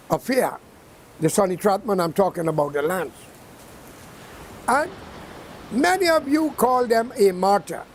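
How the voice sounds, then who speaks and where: Heated high-voiced Guyanese man ranting. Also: darkish tone, slight background noise. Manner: blunt, heated and profane ranting. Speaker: political commentator. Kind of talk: political commentary monologue. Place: seated indoors.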